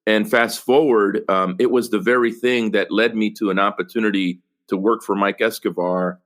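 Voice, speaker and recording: A man's voice: lowish voice, steady tone, normal speed, a bit bright. A man from El Salvador, a podcast guest talking earnestly about his work, with many fillers and restarts. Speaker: podcast guest, company executive. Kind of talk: casual interview conversation.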